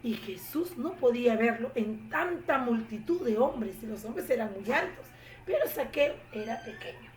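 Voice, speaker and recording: A woman telling a Bible story to children in an expressive, animated way. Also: a little high, moderate pace, far from the mic. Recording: echoey room, faint noise.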